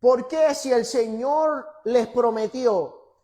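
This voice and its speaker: A male pastor, preaching a sermon to a congregation. He moves from loud, emphatic scripture reading to quiet, teasing asides. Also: very high voice, slow. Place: church before a congregation.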